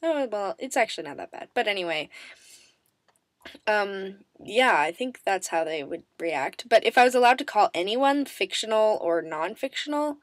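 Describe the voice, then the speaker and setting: A woman's voice: medium pitch, expressive, normal speed, no echo. Bubbly woman with a scratchy throat. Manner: bubbly, self-mocking, rambling with many ums. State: raspy voice, recovering from strep throat, coughing. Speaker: vlogger answering viewer questions. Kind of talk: casual rambling chat to camera.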